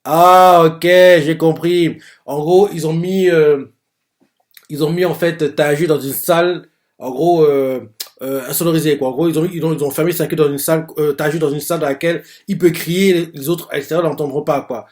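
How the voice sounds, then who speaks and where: This fairly quick, slightly mellow male voice sits on the high side, with fairly even intonation. Hosting a live manga reaction channel, he talks through every page as he reads, thinking out loud with frequent "euh" and "en gros." He hesitates, explains along the way, and voices others' lines himself in summary form.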